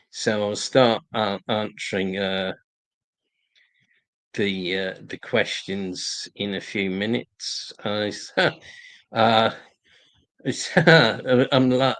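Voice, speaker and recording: A man's voice: lowish voice, a bit bright. A man with a London accent hosting a livestream, talking with many hesitations and restarts as he answers viewer questions. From England. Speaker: livestream host.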